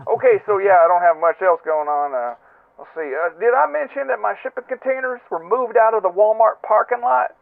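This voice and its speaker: A man's voice: very high voice, vocal fry, no room sound, heavily acted. A man putting on a goofy, oversharing male caller who rambles cheerfully in a voicemail left over a phone line. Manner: rambling, chummy, self-important. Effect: heard over a phone line as a voicemail message. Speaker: recurring comic caller. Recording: tinny, dry phone line.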